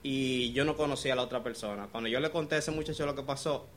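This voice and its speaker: A man of middle pitch tells the group about a dream in a hesitant, halting way, often restarting his sentences. His account is casual and personal. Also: fairly bright tone. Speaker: church member sharing a dream.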